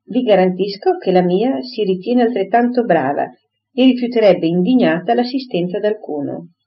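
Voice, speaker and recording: A woman reading an audiobook, voicing a calm, dry, firm gentleman who speaks in a measured way, in a dull lo-fi recording. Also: medium pitch.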